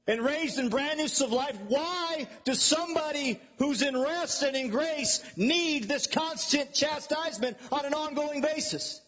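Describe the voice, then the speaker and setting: A man preaching a fervent sermon, swinging between shouted peaks and quiet, low intensity. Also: big-room sound.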